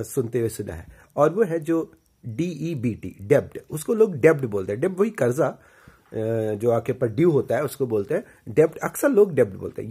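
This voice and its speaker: A man's voice: on the high side, dark tone, slightly rough. A man teaching pronunciation, saying each word and then asking the listener to repeat it back. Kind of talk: spoken lesson.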